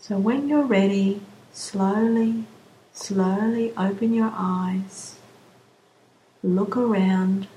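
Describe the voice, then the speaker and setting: A woman slowly leading a guided relaxation session in a soothing, drawn-out way. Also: mid-range voice, fairly even intonation, mellow. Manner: slow, soothing, drawn-out phrasing. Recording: roomy echo, faint background ambience.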